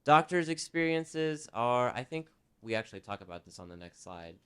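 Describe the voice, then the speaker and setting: Smooth-voiced male interpreter voicing a talk. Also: mid-range voice, sing-song, normal speed, a bit bright. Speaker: sign language interpreter. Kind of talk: voicing a presenter's signed talk in first person.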